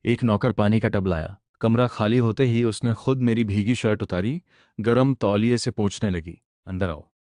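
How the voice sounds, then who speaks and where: A man tells a story recap in the first person, keeping a steady and even delivery. His voice sits on the low side. The close voice-over mic gives a dry sound with no room to it. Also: moderate pace, dry recording. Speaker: recap narrator.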